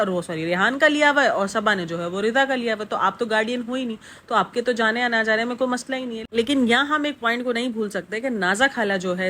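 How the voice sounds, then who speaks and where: A woman's voice: on the high side, a bit bright, slight background noise. A woman, rambling through a casual reaction vlog with lots of fillers. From Pakistan. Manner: chatty, rambling, with many fillers. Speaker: reaction vlogger.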